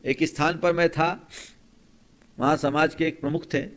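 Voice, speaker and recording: A male monk giving a sermon, telling stories and asking rhetorical questions, moving from soft speech to forceful emphasis. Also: a little high, steady tone, a little slow. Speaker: monk preacher.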